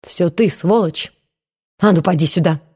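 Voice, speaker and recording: A woman voicing an elderly aunt who speaks in a hushed, slow, rasping way, read in an audiobook. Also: lowish voice, exaggerated voice. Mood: spiteful. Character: old aunt, bitter and hissing.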